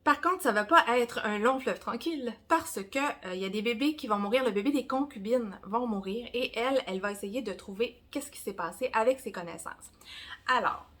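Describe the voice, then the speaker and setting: A woman in her forties with a Québécois accent, giving a casual, rambling review of her month's reading, with self-mocking asides and some soft whispered comments. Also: a little high. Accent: Québécois French. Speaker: book vlogger.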